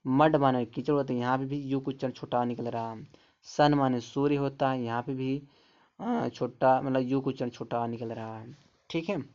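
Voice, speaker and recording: A man's voice: mid-range voice, fairly even intonation, normal speed, darkish tone. Patient male teacher, lo-fi sound. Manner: repeats words and explains patiently. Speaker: English teacher. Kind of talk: slow phonics lesson. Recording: dull lo-fi sound.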